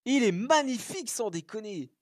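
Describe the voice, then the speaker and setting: A man recording a gaming reaction video, exclaiming loudly, swearing often and repeating his exclamations. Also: high-pitched, lively intonation, moderate pace, no echo, clean studio sound. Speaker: gaming YouTuber. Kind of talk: excited reaction video commentary.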